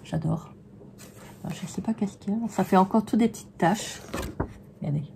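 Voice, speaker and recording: A hoarse woman chatting in a casual crafting vlog, gushing over products with many hesitations. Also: medium pitch, moderate pace, warm tone, a little hiss or hum. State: hoarse, losing her voice. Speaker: crafting vlogger.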